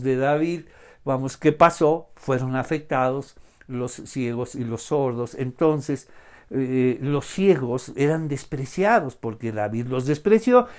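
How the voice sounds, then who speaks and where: A man preaching an online Bible sermon, animated and full of rhetorical questions. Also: a little high.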